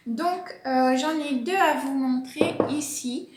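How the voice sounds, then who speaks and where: A woman with a high voice talks slowly and casually about her houseplants, pausing often with fillers as she explains. The sound has the ring of an echoey room at home. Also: noisy background. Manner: chatty, hesitant with many fillers. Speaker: plant channel host.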